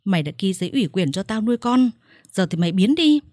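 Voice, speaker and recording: A woman's voice: medium pitch, big pitch swings, fast talker, darkish tone, no room sound, clean studio sound, natural voice. A woman voicing a cold, cruel young man who threatens and throws out his ex-lover. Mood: threatening. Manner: harsh, threatening, dismissive.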